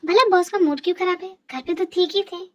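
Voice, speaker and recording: A woman's voice: extremely high pitch, a little fast, fairly bright tone, muffled recording. A woman voicing a feisty, talkative young secretary in a fan dub drama, sassy and argumentative.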